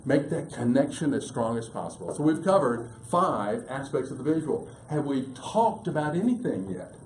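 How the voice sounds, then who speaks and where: A man giving a fast, emphatic business seminar presentation to a live audience in a meeting room. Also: mid-range voice, big pitch swings, darkish tone. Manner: emphatic, rapid, listing points. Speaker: business speaker. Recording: roomy room, faint background hum.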